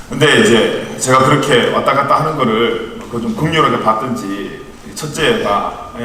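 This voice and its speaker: Bright-voiced young pastor in echoey hall. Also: male voice, mid-range voice, a little hiss or hum. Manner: chatty storytelling with light humor. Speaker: youth ministry evangelist. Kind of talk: conversational sermon. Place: church worship hall. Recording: echoey church hall from far off.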